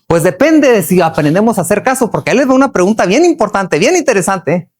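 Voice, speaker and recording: Brief: middle-aged man, motivational speaker, animated pitch, folksy and slangy. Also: fast. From Chihuahua, Mexico. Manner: folksy, earthy slang, asks the audience many questions. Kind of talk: motivational talk to workers.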